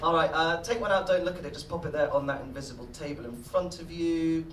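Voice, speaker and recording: A man's voice: a little high, fast talker, a bit bright. Intense stage mind reader, echoey live-venue man. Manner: wry, dry humour. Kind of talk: live stage magic show patter. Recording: noisy echoey live venue, distant mic.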